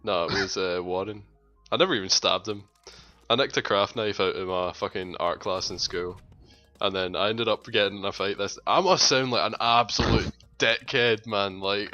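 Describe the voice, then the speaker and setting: A man's voice: fairly low pitch, brisk, bright, forceful tone, highs cut off, faint music behind. A Scottish man chatting casually over a game, teasing his friend in a dry, sweary way. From Scotland. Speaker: gaming channel co-host. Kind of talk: casual gaming chat.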